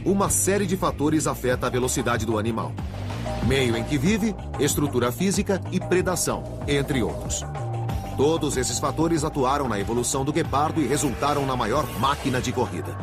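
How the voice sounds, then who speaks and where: A man's voice: mid-range voice, expressive, normal speed. A man with a Brazilian accent reading scripted, dramatic documentary narration. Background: music bed.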